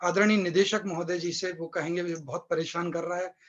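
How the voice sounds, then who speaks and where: A man's voice: sits high, steady tone, highs cut off. A man with an Indian accent teaching an online English class, switching between Hindi and English and explaining step by step. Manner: mixes Hindi and English, explains slowly, recites poetry with feeling. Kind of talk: live online class lecture.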